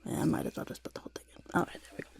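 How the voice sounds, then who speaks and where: A woman's lightly acted goblin potion-maker fusses away very fast in a soft-spoken ASMR roleplay. Muttering and repeating words in a creaky, breathy half-whisper, she comes across as doting and encouraging, clearly delighted.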